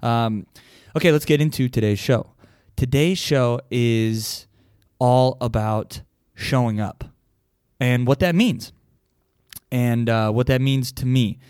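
A man's voice: mid-range voice, takes it slowly, long pauses, a little mellow, clean tone, dry recording, studio quality. A man hosting a solo podcast, talking bluntly and casually with plenty of swearing. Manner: blunt, profane, conversational, with frequent "like". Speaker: podcast host.

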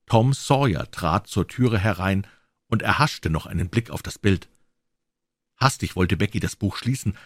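A man reading a classic story as an audiobook, narrating in a measured, expressive way. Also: on the low side, breathy edge, no echo, studio quality. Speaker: audiobook reader.

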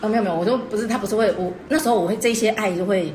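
Fast-talking laughing young woman storyteller. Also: medium pitch, reverberant, background noise. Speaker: guest. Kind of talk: casual chat.

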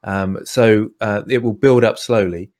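A man explains his drawing course in a live question session. His voice sits a little low, and he talks haltingly, with frequent fillers and restarts. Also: steady tone, darkish tone. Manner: hesitant, many ums and restarts. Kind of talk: live online Q&A.

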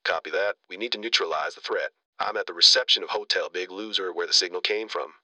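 A man's voice: deep voice, quick pace, sharp tone, no echo, exaggerated voice. A man voicing a male agent who talks in clipped call-signs over a radio. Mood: terse.

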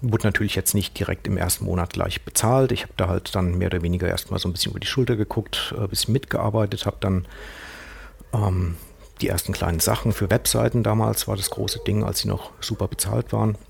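A man's voice: on the low side, steady tone, a little fast, gravelly, breathy edge. A man in his forties in a casual interview, talking at length about his career with many fillers and restarts. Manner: rambling, many fillers and restarts, acts out quotes. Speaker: guest, screen printer and designer.

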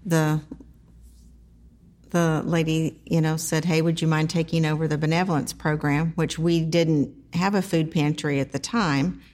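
A middle-aged woman from South Carolina speaking as an interview guest in a casual, halting, anecdotal way. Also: deep voice, a little mellow. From small town in South Carolina, United States. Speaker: interview guest, food pantry organizer. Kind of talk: casual conversational storytelling.

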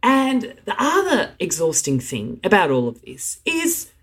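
An adult woman talks straight to her listeners in an earnest, emotional monologue. Her sentences break off and restart as she searches for words, and her voice sits at an ordinary middle pitch. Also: huge pitch swings, measured pace, fairly bright tone. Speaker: speaker sharing her experience of anxiety. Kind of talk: heartfelt direct-to-camera monologue.

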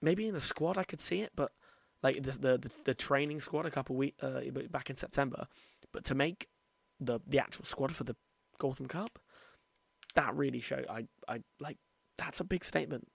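A man's voice: mid-range voice, normal speed, gravelly, husky, no room sound. A man hosting an informal solo sports podcast, giving his opinions with plenty of "you know", his speech slightly altered by wearing retainers. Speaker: podcast host.

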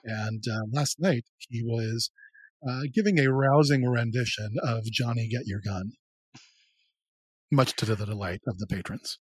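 Relaxed man describing his character. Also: mid-range voice, unhurried, husky, dry recording. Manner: relaxed, with many fillers. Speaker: player. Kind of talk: describing a character at a tabletop game.

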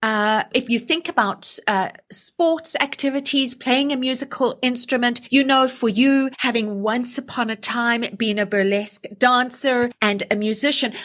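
A woman's voice: fairly high pitch, moderate pace, hardly any pauses, fairly bright tone. A woman hosting a podcast interview, chatting in a friendly way and often agreeing with her guest. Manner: friendly, frequent agreeing backchannels. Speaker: podcast host. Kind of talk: conversational interview.

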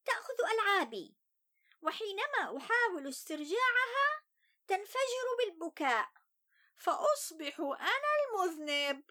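A woman's voice: extremely high pitch, very animated, moderate pace, sharp tone, voice pushed up, full character voice. A woman voicing a sulky, plaintive young boy who feels unloved, in a children's story. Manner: plaintive, complaining.

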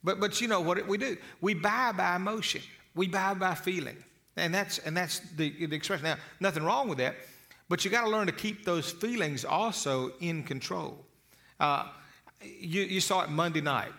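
A man delivers a motivational talk to an audience in a bright, forceful voice pitched slightly high. He tells stories in a folksy way, with lively asides. He often doubles a word as he restarts a phrase. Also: normal speed. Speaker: motivational speaker.

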